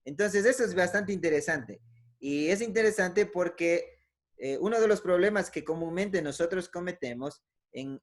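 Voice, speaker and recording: A man giving a conversational teaching talk, with frequent "eh" fillers and self-corrections, often tagging phrases with a questioning "¿no?". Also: a little high. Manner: ends many phrases with a questioning "¿no?". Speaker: speaker giving a talk on emotions.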